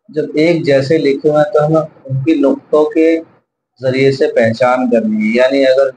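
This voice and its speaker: A man's voice: medium pitch, a little mellow, slight background noise, poor audio. A man teaching a Quran reading lesson, explaining patiently and spelling out letters one by one. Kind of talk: step-by-step recorded lesson.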